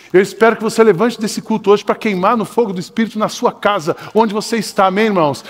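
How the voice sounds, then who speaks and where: An older Brazilian Portuguese pastor preaches with fervor, his unusually high voice climbing into shouts before falling to urgent, quieter pleading. The sound carries a long reverb from the church hall around him. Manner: impassioned, swings between shouting and lowered urgent tones. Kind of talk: sermon. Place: church sanctuary.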